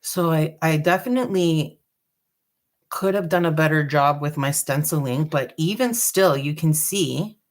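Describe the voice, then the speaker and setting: A woman hosting a live dot painting tutorial, chatty and relaxed, joking about her own nerves. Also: sits low, a little slow. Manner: chatty, relaxed, self-deprecating. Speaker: craft tutorial host.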